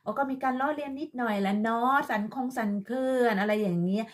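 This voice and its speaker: A woman's voice: fairly high pitch, fast talker. Crude, scolding woman ranting. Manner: scolding, crude and mocking, sarcastic motherly tone. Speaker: online commentator. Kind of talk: ranting vlog monologue.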